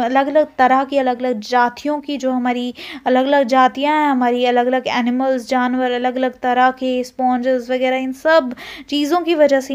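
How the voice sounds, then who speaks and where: A high-pitched woman walks students through an exam-prep lecture. She switches between Hindi and English, pauses on fillers and corrects herself, and repeats key terms to drive them home. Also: a little mellow. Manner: repeats terms while explaining. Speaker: teacher.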